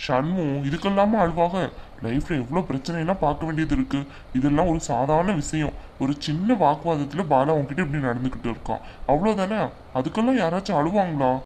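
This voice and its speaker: Cartoon role: bossy, caring elderly father-in-law, deep-voiced, voiced by a woman. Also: brisk, dark tone, a little hiss or hum, lightly acted. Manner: scolding, protective. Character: older father-in-law, stern but caring. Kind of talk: cartoon voice acting.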